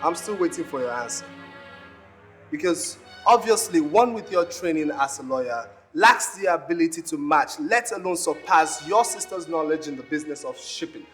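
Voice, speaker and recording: A man's voice: on the high side, expressive, moderate pace, fairly bright tone, soft background music. A male actor with a Nigerian accent playing a stern, pointed barrister in formal courtroom film drama.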